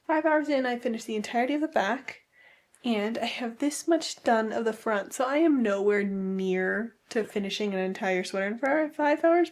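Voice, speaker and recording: A woman with a somewhat high voice talks in a casual vlog style. She is chatty and informal, rambling a little as she updates her viewers. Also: a little mellow. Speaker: knitting vlogger.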